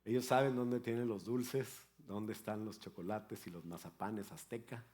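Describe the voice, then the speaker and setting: A man's voice: lowish voice, fairly even intonation, moderate pace, a little mellow. Man, older, pastor, sermon, storytelling, playful asides.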